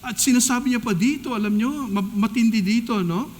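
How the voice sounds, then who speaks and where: A man with a Filipino accent preaching a sermon as pastor of a church, swinging between soft and emphatic delivery. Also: very high-pitched, fairly quick. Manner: preaching in Tagalog-English code-switching, rising and falling emphasis. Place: church hall. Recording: long church hall reverb.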